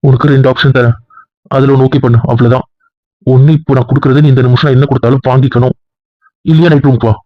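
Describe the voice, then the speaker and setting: A man's voice: mid-range voice, steady tone, fast, long pauses, dry recording. A young man playing the husband in a comic couple skit, stubborn and insistent, often raising his voice. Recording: dull lo-fi audio.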